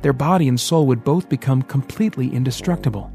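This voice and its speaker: A man doing a calm, mysterious mentor. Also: mid-range voice, soft background music, lightly acted. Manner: measured, mysterious explaining.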